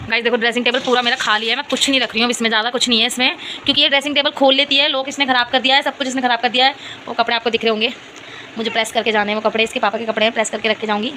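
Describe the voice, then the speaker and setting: Bright high-voiced young mother scolding. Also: flat delivery, racing, slight background noise. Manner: scolding and coaxing a small child. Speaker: vlogger and mother. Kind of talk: casual home vlog, talking to her child and viewers. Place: home, indoors.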